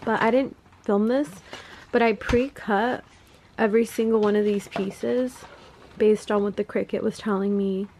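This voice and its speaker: A woman's voice: medium pitch, fairly even intonation, unhurried, warm tone, slight background noise. A young woman, a balloon decor business owner, talking casually and rambling as she works in her indoor studio with a handheld camera, laughing often. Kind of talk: casual vlog talk.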